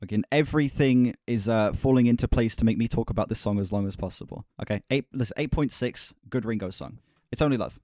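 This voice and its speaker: A man's voice: medium pitch, fast, mellow. Candid man reacting to an album. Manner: candid, swears, stumbles and self-corrects. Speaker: music reaction streamer. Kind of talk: casual album reaction commentary. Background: album music playing faintly.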